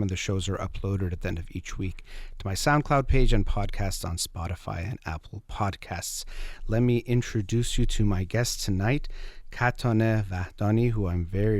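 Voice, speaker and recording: A man hosting a radio interview show, giving a measured, formal introduction of his guest. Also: fairly low pitch, no echo, clean studio sound.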